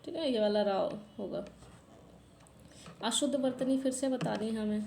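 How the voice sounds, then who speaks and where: A woman's voice: a little high, normal speed, vocal fry, a little mellow. A woman teaching exam preparation and working through a past paper, patiently repeating corrections and speaking straight to her students. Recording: echoey room, faint background noise.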